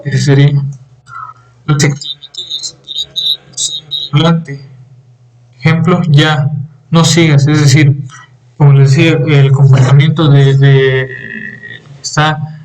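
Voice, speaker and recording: Young male student, slightly higher voice, halting class presentation with fillers. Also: level tone, a little mellow, low-quality recording. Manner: halting, with fillers and throat clearing.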